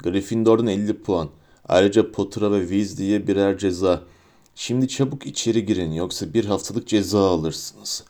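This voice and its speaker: A man voicing a cold, silky-voiced male potions teacher who speaks quietly and with menace. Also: mid-range voice, expressive, moderate pace, hardly any pauses, lightly acted. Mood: menacing. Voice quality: soft, silky.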